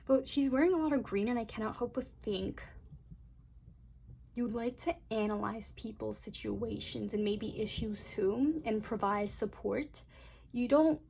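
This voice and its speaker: A woman giving a chatty, rambling tarot reading, speaking straight to her viewers and talking fast by her own account. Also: on the high side, creaky, dark tone, a little hiss or hum. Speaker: tarot reader. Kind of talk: casual tarot reading to camera.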